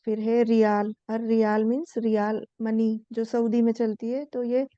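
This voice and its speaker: A woman explains Arabic grammar to her students, patient and step by step, often asking a question and then answering it herself. Her voice is a bit high and mellow in tone. It is recorded dry and a little dull, like a plain lo-fi lesson recording. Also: level tone, unhurried, smooth, no echo. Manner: patient, asks and answers her own questions, many fillers. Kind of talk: explaining a lesson, reading English lines slowly.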